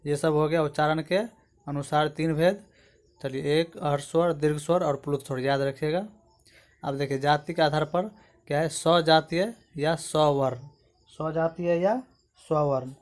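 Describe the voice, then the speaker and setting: A man teaching an exam-prep grammar lesson, his voice sitting a little higher than usual. He walks through each point patiently and keeps asking his viewers whether they have understood. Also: fairly even intonation, measured pace. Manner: explains step by step, often asks "समझ गए दोस्तों?".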